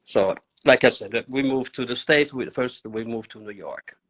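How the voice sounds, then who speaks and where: A man in his sixties, born in Italy with Italian as his first language, speaking haltingly as a guest on a video call, often pausing to search for words. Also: mid-range voice. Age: 60s. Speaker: guest drummer. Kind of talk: casual interview.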